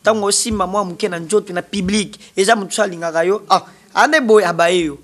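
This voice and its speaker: A young man with a Congolese accent, a musician appearing as a guest in a TV studio interview, talks animatedly and gestures with his hands. His voice sits high and fairly bright, and he speaks fast into a standing studio mic.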